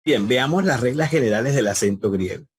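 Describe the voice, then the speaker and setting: A man's voice: mid-range voice, animated, fairly quick, husky, no room sound. A man teaching a live online Greek class over a video call, patiently repeating key words and quizzing his students.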